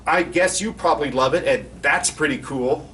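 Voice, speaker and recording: A man playing a crude, cynical clown pitchman in a spoof infomercial, swearing and mock-sincere as he sells insulting greeting cards. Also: moderate pace, lightly acted. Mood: mock-sentimental recital. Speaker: comedian in character as a clown. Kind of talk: spoof infomercial sales pitch with recited rhyming card verses. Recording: roomy echo, faint background noise.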